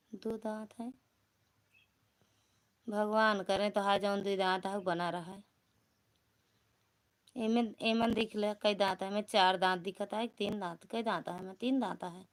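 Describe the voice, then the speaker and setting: A woman's voice: fairly high pitch, a bit bright. A woman with an Awadhi accent hosting a casual live stream, bantering with viewers in a teasing, rustic way. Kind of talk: casual live chat reading comments.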